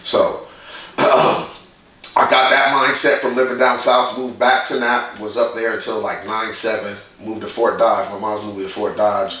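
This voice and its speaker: A man's voice: on the low side, flat delivery, a little slow, bright, forceful tone, very echoey, recorded from a distance, low-quality recording. A man in his forties from Indiana, a guest in a casual interview, who tells stories bluntly and swears freely. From Indiana, USA. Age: 40s. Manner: blunt, profane, storytelling. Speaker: guest, graffiti artist.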